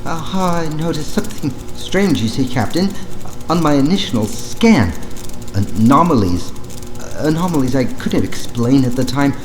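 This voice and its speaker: Timid alien scientist, unusually deep for a woman, audio drama, faint noise. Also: lively intonation, unhurried. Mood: nervous, intrigued. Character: scared, bulbous-eyed alien scientist named Doctor Slime. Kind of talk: full cast audio drama acting.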